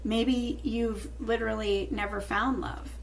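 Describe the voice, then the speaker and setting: A woman's voice: on the high side, steady tone, measured pace, vocal fry, slight background noise. A woman giving a tarot reading straight to the viewer, speaking in a reassuring, emphatic way with repeated phrases. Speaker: tarot reader.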